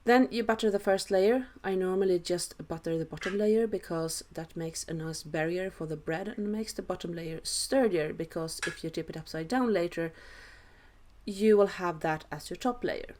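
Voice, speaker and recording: A woman's voice: on the low side, moderate pace, a little mellow, slight background noise. A woman with a Swedish accent giving a casual cooking tutorial voice-over with dry, self-deprecating humour. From Sweden. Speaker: home cook, host.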